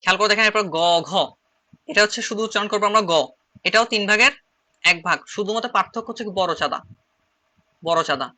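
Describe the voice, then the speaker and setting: Fast, bright-voiced male shorthand teacher. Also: high-pitched. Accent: Chittagong Bengali. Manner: repeats phrases while writing on slides. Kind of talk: online class lecture.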